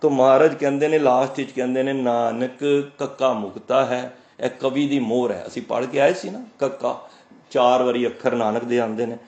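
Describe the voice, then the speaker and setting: A man giving a sermon on scripture. He recites the verses slowly, then explains them and answers his own questions. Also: medium pitch, a little mellow, echoey room, dull audio. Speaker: Sikh preacher. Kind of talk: scripture exposition.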